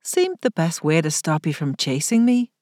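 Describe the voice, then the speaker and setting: A woman voicing a spirited young gentlewoman who speaks sharply and commandingly, with a thick accent. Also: low voice, huge pitch swings, moderate pace, dry recording, studio quality. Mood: defiant.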